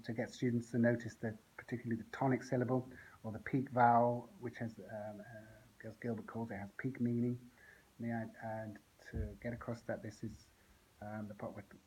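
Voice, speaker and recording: A man, an English language teacher, talking through the plan and rationale for a lesson, unscripted and thinking aloud with frequent pauses. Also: on the low side, a little mellow, slight background noise, rough recording.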